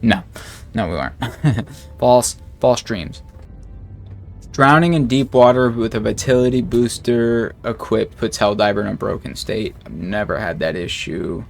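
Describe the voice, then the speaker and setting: A gaming streamer casually comments on game patch notes, reading each one slowly before reacting in a rambling way full of filler words and swearing. His voice is lowish and creaky, with faint music playing behind him.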